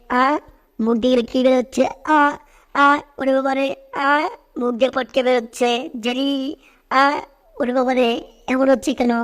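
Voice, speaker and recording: A woman voicing a silly, friendly cartoon octopus who panics easily, squeaky and excitable. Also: natural voice. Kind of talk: cartoon dub acting.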